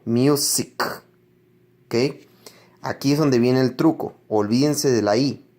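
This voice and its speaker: Male language teacher, unhurried and patient, drills each word over and over as he explains. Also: medium pitch, warm tone. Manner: slow, patient explaining with repeated example words. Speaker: English teacher. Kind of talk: classroom lesson on English pronunciation.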